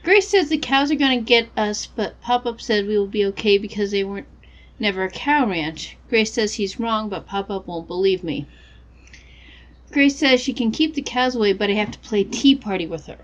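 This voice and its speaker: A woman's voice: medium pitch, moderate pace, lo-fi sound, lightly acted. A woman voicing a naive, uneasy young country girl, reading her diary aloud in a game.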